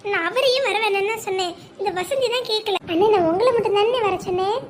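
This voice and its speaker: Cartoon casting: actress voicing a self-effacing older sister, high and quick, tearful. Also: female voice, a little hiss or hum. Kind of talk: cartoon voice acting.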